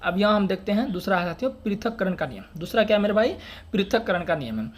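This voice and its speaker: A man's voice: high-pitched, lively intonation, fast talker. A man teaching an exam-prep science lesson, asking questions and answering them himself and calling his viewers friends and brother.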